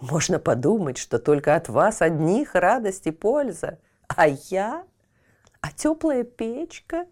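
A woman's voice: lowish voice, very animated, slow, a little mellow, exaggerated voice. Woman doing a grumpy fire spirit guy, mocking, swings up and down a lot. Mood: indignant. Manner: gruff and mocking. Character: quick-tempered boastful male fire spirit.

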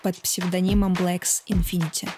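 Woman host asking measured questions. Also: fairly low pitch, level tone, music in the background. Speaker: podcast host. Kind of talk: interview questions.

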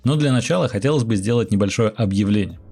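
Man, podcast host, rather low pitch, upbeat and chatty, faint music behind. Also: quick pace, mellow, breathy edge. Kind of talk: announcement then casual chat.

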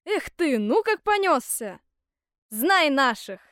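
A woman's voice: on the high side, very animated, moderate pace, dry recording, studio quality. A woman reading a storybook aloud, voicing a boisterous, cocky young simpleton man who whoops and boasts. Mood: whooping. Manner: loud whooping, brash and gleeful.

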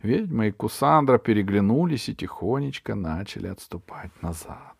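A man narrating a children's audiobook in steady storytelling. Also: lowish voice, moderate pace, vocal fry, slightly rough, no room sound, clean studio sound.

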